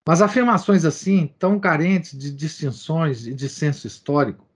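A man's voice: a little high, moderate pace, husky. A man reading a text aloud and commenting on it like a lecturer, breaking in with asides and habitual tag questions. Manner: reads quoted passages, adding asides and verbal tics like "né?". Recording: dull lo-fi recording.

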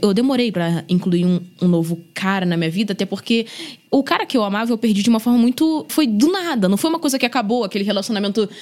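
Fast-talking Brazilian woman telling stories. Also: medium pitch. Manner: chatty, animated, lots of "né?" and "gente". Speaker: podcast guest, single mother. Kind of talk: casual chat, personal storytelling.

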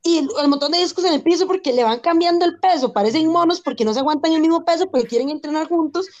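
A Costa Rican woman on a podcast, chatting casually and putting her points bluntly and emphatically. Her voice is high, and the recording sounds dull and muffled. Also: fast, a little mellow. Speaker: podcast guest. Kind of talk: casual chat.

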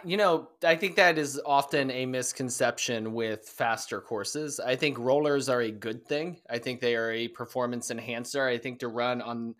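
A man's voice: medium pitch, a bit bright. Conversational male podcast host. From Ohio. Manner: conversational, halting restarts. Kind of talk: casual interview.

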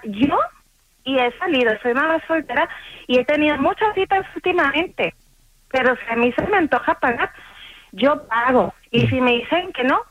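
A woman calling in to a radio show over the phone, speaking in an indignant, insistent way. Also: high voice. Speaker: caller. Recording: muffled phone line with noise.

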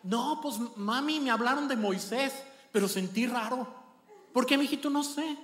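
A man voicing a frightened little boy who talks softly and haltingly, stumbling over his words. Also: very high voice. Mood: uneasy. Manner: soft, hesitant, stammering child voice. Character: anxious little boy, uneasy and scared. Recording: echoey church hall.

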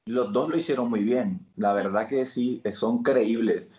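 An actor from Barranquilla with a Colombian Caribbean accent tells stories as a guest in a casual interview chat, laughing as he animatedly acts out lines. His voice is medium-pitched and a little slow, and the sound is roomy and lo-fi.

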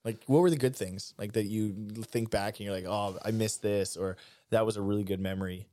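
A man's voice: fairly low pitch, fairly even intonation, a little fast, mellow, dry recording, studio quality. A man hosting a podcast, asking questions in a joking, teasing way and laughing often. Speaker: podcast host. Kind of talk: casual podcast chat.

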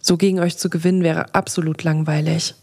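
A woman's voice: deep voice, flat delivery, fairly quick, a little mellow. A woman doing a cocky young shadow witch. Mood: teasing. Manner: teasing and flippant.

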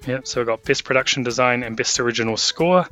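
A man's voice: medium pitch, quick pace, sharp tone, soft background music. A man hosting a casual film podcast, upbeat as he reads out film stats and facts. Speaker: podcast host.

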